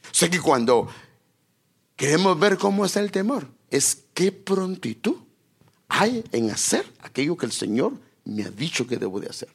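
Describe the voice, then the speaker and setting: A man's voice: on the high side, sing-song, moderate pace, creaky, husky. A man preaching a sermon, quoting scripture and calling his listeners brother.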